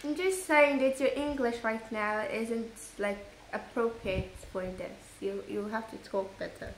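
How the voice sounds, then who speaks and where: A woman's voice: fairly high pitch, a little slow, echoey room, slight background noise, rough recording. A young woman, a daughter, earnestly pleading with her mother during a casual family live video. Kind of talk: casual family chat and Bible recitation.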